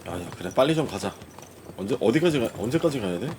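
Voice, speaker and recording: A man's voice: medium pitch, lively intonation, racing, background noise. A man doing casual game commentary, playfully grumbling and talking back to the game. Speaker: gaming streamer playing and reacting.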